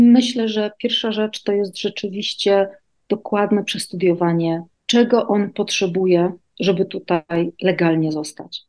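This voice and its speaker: A woman's voice: medium pitch, darkish tone. A woman in her forties from Poland, answering interview questions in a chatty way with many fillers. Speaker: interview guest, emigrant mother.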